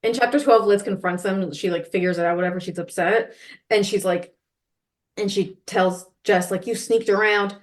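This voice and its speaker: A woman co-hosting a casual book-discussion podcast, talking animatedly and quoting characters in quick asides. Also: mid-range voice, fairly even intonation. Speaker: podcast co-host.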